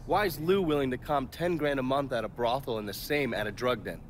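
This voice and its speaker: An actor playing a calm male intelligence ally with dry wit, asking measured, probing questions. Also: medium pitch, slight background noise, lightly acted. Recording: game audio with crowd-like background.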